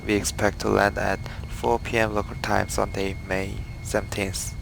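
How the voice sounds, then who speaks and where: A man speaking as airline captain in a formal, steady plane cabin announcement, with a Korean accent in English. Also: lowish voice, gravelly, a little hiss or hum, low-quality recording. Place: airliner cockpit, heard in the cabin.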